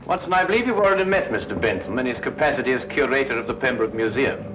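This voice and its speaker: An actor playing a brisk, witty Victorian detective who lays out deductions in a cool, teasing, precise way. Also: male voice, medium pitch, expressive, close to an everyday voice. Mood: calm. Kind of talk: 1950s TV drama acting. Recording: dull 1950s TV soundtrack with music.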